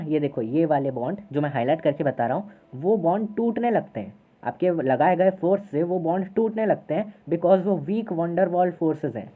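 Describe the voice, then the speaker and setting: A man's voice: fairly high pitch, narrow, tinny audio. A man teaching an online class lecture in a casual, chatty way, constantly checking in with his students.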